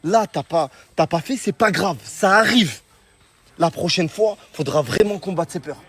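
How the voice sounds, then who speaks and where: A man's voice: sits high, lively intonation, a little slow, a bit bright, breathy edge. A man who organizes the challenges, talking casually and reassuringly with street slang. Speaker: show organizer running challenges. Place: outdoors on an island.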